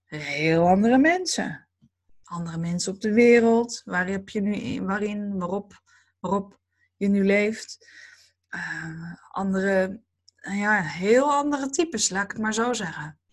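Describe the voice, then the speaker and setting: Slow, breathy woman giving a calm spiritual talk. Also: medium pitch. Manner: slow, calm, dreamy and reflective.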